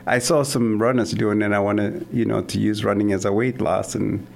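A man's voice: on the low side, steady tone, normal speed, creaky, slight background noise. A man from Kenya, a runner and coach being interviewed in a studio, talking hesitantly with lots of fillers and restarts. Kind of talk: casual interview talk.

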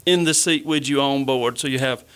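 A man's voice: mid-range voice, moderate pace, fairly bright tone, clear, resonant tone. A man with a Southern US accent recalling army service as an interview guest, casual and explanatory, often saying "you know". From Mississippi, US. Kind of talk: casual conversational recollection.

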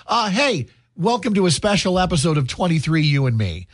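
A man's voice: fairly high pitch, a little fast, dry recording, clean studio sound. A man hosting a morning country radio show, joking in playful banter with his co-host. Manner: playful, jokey, lively. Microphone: studio microphone.

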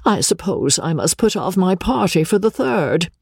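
A reader voicing a self-absorbed, peevish elderly woman of wealth who speaks in a breathy, whispery way. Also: on the low side, big pitch swings, moderate pace, a little mellow, no echo, clean studio sound, voice pushed up, heavily acted.

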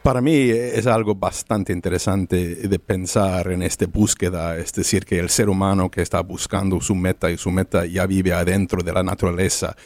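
A man with a notably low voice speaking thoughtfully and searching for words. He is a guest on an interview show. The sound is dry and close. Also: fairly even intonation, normal speed, few pauses, a little mellow, no room sound. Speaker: immigration lawyer, guest. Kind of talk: interview conversation.

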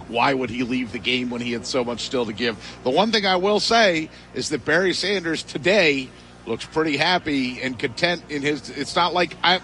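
Bright-voiced man talking sports, some background noise. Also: mid-range voice. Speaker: sports radio co-host. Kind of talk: casual sports talk. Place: live remote broadcast at a casino sports book. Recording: busy venue background noise.

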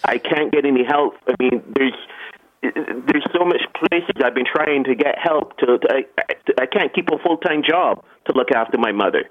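A man's voice: medium pitch, normal speed, breathy edge. A man calling in to a radio show over the phone, earnest and frustrated, stumbling over his words. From Ontario. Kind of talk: call-in radio talk. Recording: tinny phone line.

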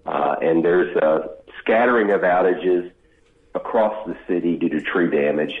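A man from a utility company on a speakerphone call to a radio show, giving a steady factual update with frequent "uh" fillers. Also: sits low, a little slow, roomy sound. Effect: speakerphone over a phone line. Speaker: utility company spokesman phoning in. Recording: tinny phone line.

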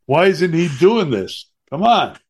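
Rambling middle-aged Chicago host. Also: male voice, a little high, unhurried, husky. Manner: rambling, lively, many fillers and restarts. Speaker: podcast host. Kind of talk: casual chat.

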